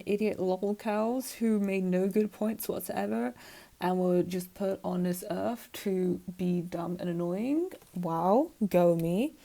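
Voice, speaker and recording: A woman's voice: medium pitch, dark tone. Woman vlogger, casual rambling monologue, self-mocking, plenty of fillers.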